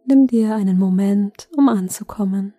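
A woman guiding a sleep meditation in a gentle, soothing, unhurried manner with long pauses. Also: mid-range voice, no echo, soft background music. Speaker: meditation guide, host.

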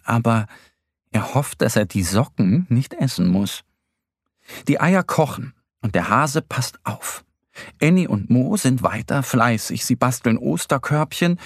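Slow, expressive male storyteller. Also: mid-range voice, no echo, clean studio sound. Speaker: narrator. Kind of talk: children's story narration.

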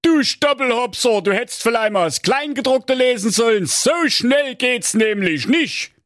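A man's voice: very high-pitched, expressive, unhurried, a bit bright, dry recording, clean studio sound, voice pushed up, heavily acted. A man doing a blustering wicked king. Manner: blustering, sneering. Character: wicked scheming king, pompous and rude.

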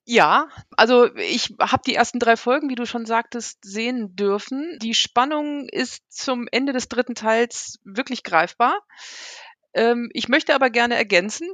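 A woman's voice: on the high side, fairly bright tone, no echo. A middle-aged woman, a marine biologist guest on a podcast, talking thoughtfully and hesitantly while she searches for words. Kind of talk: podcast interview.

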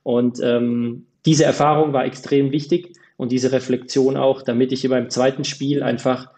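Guy in his 30s, soft mellow voice, casual interview chat, lots of ums and pauses. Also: mid-range voice, level tone. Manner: hesitant, filler-heavy. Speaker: podcast guest, football referee.

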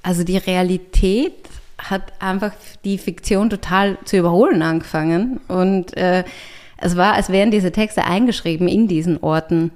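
With a fairly low, slightly mellow voice at a moderate pace, this woman, a writer and artist, talks as an interview guest. The conversation is reflective, and she hesitates frequently while searching thoughtfully for words.

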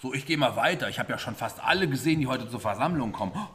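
Playful, animated man leading a children's play. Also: medium pitch, very fast. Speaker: teacher leading a puppet play.

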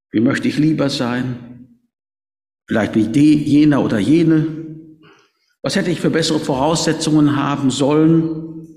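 A man's voice: on the high side, darkish tone. A man preaching a sermon in a church, earnest and emphatic, stressing key words. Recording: echoey reverberant hall.

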